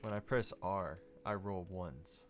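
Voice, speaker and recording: Low-voiced hesitant male player. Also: a little slow, loud music behind the voice. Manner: hesitant, corrects himself mid-sentence. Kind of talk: casual tabletop play.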